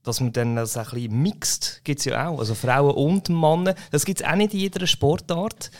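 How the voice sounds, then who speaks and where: A man's voice: fairly high pitch, normal speed, darkish tone. A man with a Swiss German accent hosting a podcast interview in an informal, loosely phrased way. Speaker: podcast host. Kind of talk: casual interview.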